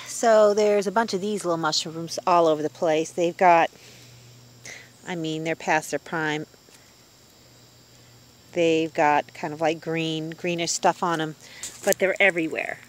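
A woman's voice: on the low side, a little hiss or hum. A woman in her fifties vlogging casually on a walk through the woods, chatty and wondering aloud as she goes, recorded on a handheld phone outdoors. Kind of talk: casual walk-and-talk vlog. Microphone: handheld phone camera.

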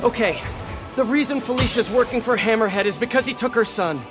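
An actor playing a young, wisecracking, anxious superhero in a video game, with an American accent and a rambling, self-questioning manner. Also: male voice, very high-pitched, brisk. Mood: nervous, rambling. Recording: music behind the voice.

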